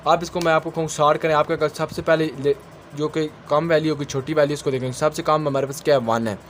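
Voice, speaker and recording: A man giving a quick exam-revision lecture as a tutor, asking himself a question and answering it at each step, with technical English terms mixed into his speech. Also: on the high side, fairly even intonation, a little hiss or hum.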